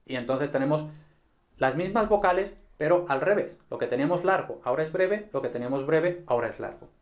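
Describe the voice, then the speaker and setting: Relaxed man teaching grammar. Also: fairly high pitch, brisk. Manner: relaxed, frequent "¿vale?" and "¿no?" check-ins. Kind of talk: explaining grammar at a board.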